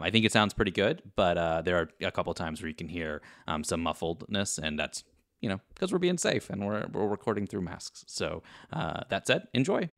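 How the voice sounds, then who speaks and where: A man's voice: deep voice, fairly bright tone, no room sound, studio quality. A man co-hosting a podcast in a casual, hesitant, laid-back way, with trailing phrases. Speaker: podcast co-host.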